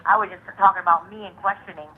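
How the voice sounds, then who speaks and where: A woman's voice: mid-range voice, steady tone, slight background noise. A woman calling in from jail, talking over a prison phone line in a casual, loose way that trails off. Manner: talks fast and loosely, trailing off. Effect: heard over a prison phone line.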